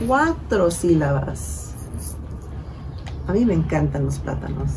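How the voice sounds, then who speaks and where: A woman leading a bilingual children's storytime, switching between English and Spanish and drawing out words slowly to count syllables. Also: deep voice, very animated, noisy background. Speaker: children's librarian. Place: library.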